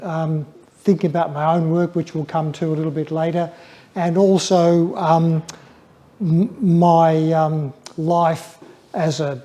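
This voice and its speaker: An older Australian man, a former museum photography curator, gives an informal illustrated public talk as a guest speaker. His voice is mellow and soft-edged, a touch high, yet flat and dull. He speaks haltingly and reflectively, stammering over the starts of words.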